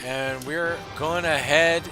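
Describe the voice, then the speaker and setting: A man's voice: on the high side, fairly even intonation, takes it slowly, music in the background. A man casually commenting on a basketball video game, laughing often and rattling off player stats. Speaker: gaming channel host.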